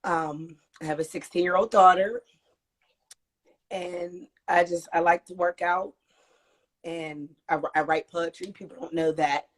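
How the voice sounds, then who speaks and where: A woman in her forties from Pittsburgh, a hoarse and tired interview guest on a video call, talking haltingly with many fillers. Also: on the low side, steady tone. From Pittsburgh, United States. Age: 40s. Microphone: video call on a phone.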